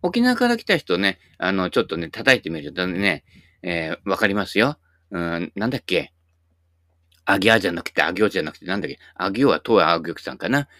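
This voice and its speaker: A Japanese man in his sixties hosts his own YouTube channel, rambling along in a chatty, folksy monologue packed with asides and tag particles. His deep voice swings widely in pitch, a little fast, with a bright, forceful tone. The studio recording is clean and free of echo.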